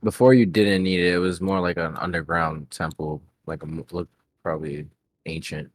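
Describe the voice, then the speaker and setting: A man with a very deep voice talks as a player in a tabletop game. He chats casually and a little tentatively. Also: steady tone, moderate pace, no echo.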